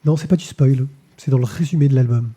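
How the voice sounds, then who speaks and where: A man's voice: mid-range voice, quick pace, warm tone, slightly rough. A man hosting a comics podcast, talking casually with lots of fillers and repeated words. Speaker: podcast host reviewing comics. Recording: live-streamed podcast.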